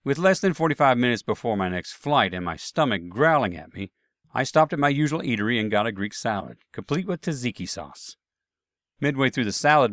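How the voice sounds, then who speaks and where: A man's voice: mid-range voice, fairly bright tone, dry recording, clean studio sound. A man narrating a first-person travel anecdote with wry, self-deprecating humor. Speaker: storyteller.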